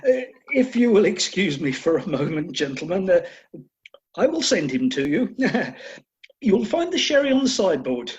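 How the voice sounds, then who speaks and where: In an amateur comic radio play over a muffled video call, a performer voices a polite, hesitant relative consulting the doctors, sounding courteous, hesitant, and politely confiding. The voice is medium in pitch with big pitch swings, a normal speed, a slightly mellow tone, and lightly acted delivery, with a little hiss or hum in the audio.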